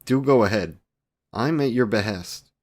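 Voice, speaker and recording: Tender and doting, a man voices a youthful, courtly vampire boyfriend aged 128 in an audio romance roleplay. He speaks a little slowly in a darkish, lowish tone, choosing archaic, formal wording and sweet endearments.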